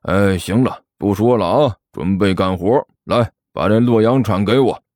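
A deep, grumbling master thief who lectures his apprentice in slow, heavy phrases, voiced by a man reading a storybook. The sound is dry and close. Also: darkish tone, no room sound, lightly acted. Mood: musing. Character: gruff boastful middle-aged tomb-robber master.

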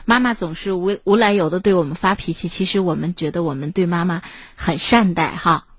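A woman hosting a late-night phone-in, counselling in a measured, explanatory way. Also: on the low side, husky, dry recording, clean studio sound. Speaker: late-night radio host.

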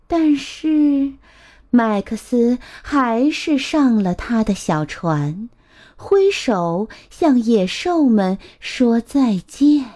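A woman storyteller reading a picture book aloud to children, gentle and expressive. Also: a little high. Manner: gentle, expressive, drawn-out phrasing.

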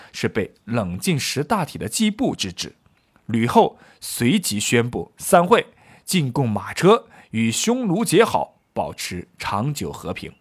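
Medium-pitched and husky, this male literature explainer unpacks a classical poem through relaxed storytelling. He throws in joking asides and uses many filler words.

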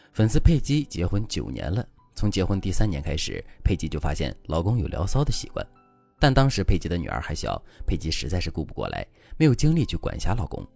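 A man with a very low, gravelly voice narrates a scripted relationship story and gives advice. His delivery is quick and dramatic, with sweeping pitch. Soft music plays underneath. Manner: dramatic, lively storytelling, advising tone. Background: soft background music.

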